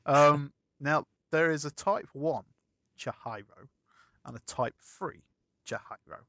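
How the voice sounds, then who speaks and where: A man's voice: on the high side, slow, sharp tone, no echo, studio quality. A man chatting casually as a podcast co-host, rambling through a story and correcting himself as he goes. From United Kingdom.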